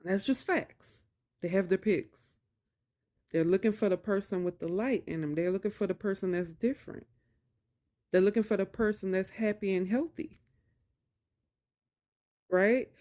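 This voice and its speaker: With a warm tone at medium pitch and normal speed, this creator leaves long pauses while telling viewers a personal story about narcissistic abuse. Her phrasing is casual and colloquial, and she repeats phrases emphatically for stress.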